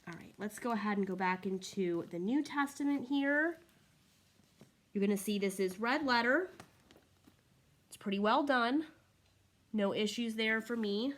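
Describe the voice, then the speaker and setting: A woman's voice: a little high, measured pace, long pauses, fairly bright tone. Chatty woman reviewing a book. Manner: friendly, chatty, walks through pages while talking. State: slightly out of breath. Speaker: Bible reviewer. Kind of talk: casual product review.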